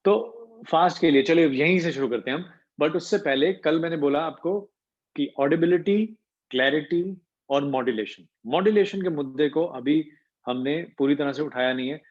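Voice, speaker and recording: Over a video call, a male voice coach with a highish, darkish voice runs an online class at normal speed, explaining each point and sprinkling English terms into his speech. The call audio is dull and lo-fi.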